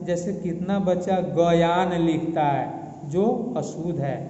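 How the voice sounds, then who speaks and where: A man's voice: a little high, slow pace, warm tone. A male teacher giving a grammar lesson, methodically spelling words out letter by letter and contrasting wrong and right forms. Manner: repeats instructions to study and memorize. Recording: echoey room with long reverb, dull lo-fi sound.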